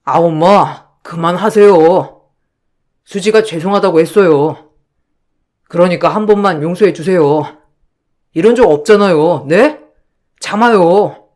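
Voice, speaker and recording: A man's voice: high voice, a little slow, long pauses, darkish tone. A man voicing a meek young husband stuck between his wife and mother, pleading and apologetic in a dramatized story. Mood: placating. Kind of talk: story narration dialogue.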